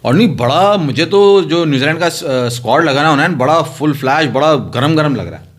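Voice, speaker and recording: A man's voice: fairly high pitch, lively intonation, fairly quick. A man with a Pakistani Urdu accent chatting about cricket in a playful, teasing way. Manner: playful, teasing, laughs easily. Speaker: cricket panelist. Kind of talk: casual cricket chat.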